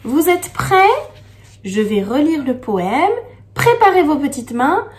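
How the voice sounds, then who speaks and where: A kindergarten teacher speaking to young children in a slow, sing-song way, stressing each syllable and reading a poem gently. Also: female voice, sits high, sing-song. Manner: reads the poem slowly and gently.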